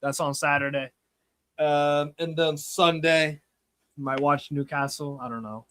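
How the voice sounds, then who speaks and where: A man's voice: fairly high pitch, fairly even intonation, measured pace, fairly bright tone, smooth, no echo. A man chatting casually as a guest streamer, loose and sweary in his phrasing. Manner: sweary, laid-back phrasing. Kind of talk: casual chat.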